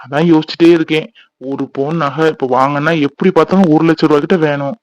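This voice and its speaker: Man voicing a fretful young cartoon husband, high voice. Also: steady tone, fast talker, dry recording, natural voice, poor audio. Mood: worried. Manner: fretful, pleading. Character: young worried husband, soft-hearted and remorseful.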